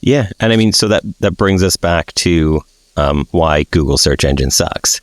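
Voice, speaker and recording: A man co-hosting a podcast, talking in a relaxed, blunt way with lots of fillers. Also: sits low, normal speed, dry recording. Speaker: podcast co-host. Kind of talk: casual chat.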